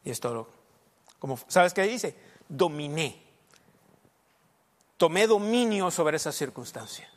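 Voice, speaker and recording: A man preaching a sermon in a storytelling way, dropping to hushed asides and rising to emphatic exhortation. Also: fairly high pitch, sing-song, takes it slowly, pauses often, big-room sound. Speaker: pastor.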